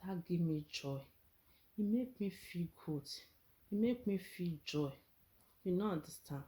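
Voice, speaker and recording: Nigerian lady vlogging in pidgin, really mellow dark voice, earnest casual chat. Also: lowish voice, lively intonation, unhurried. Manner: earnest, encouraging, often checking listeners understand. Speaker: vlogger sharing her experience.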